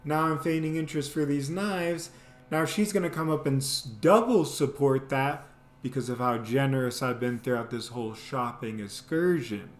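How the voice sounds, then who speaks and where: Soft music plays behind this host as he shares a comedic personal story at a moderate pace in his mid-range voice. He acts out the quotes and sound effects with animation, and the sound is roomy with echo.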